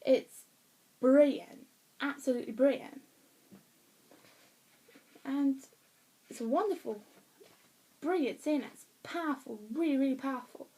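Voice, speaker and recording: A woman from Essex, England, with a slightly high, mellow voice gives a casual, chatty home-vlog review of a play. She rambles at a measured pace with long pauses, lots of ums and restarts, and laughs at herself. The audio is poor, recorded on a phone or webcam.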